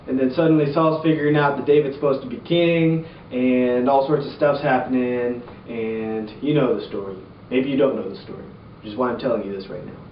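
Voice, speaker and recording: A man with an upbeat, slangy, jokey youth pastor manner, casually telling Bible stories for laughs. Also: fairly high pitch. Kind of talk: casual comedic Bible storytelling to camera. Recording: roomy, distant, muffled, faint background noise.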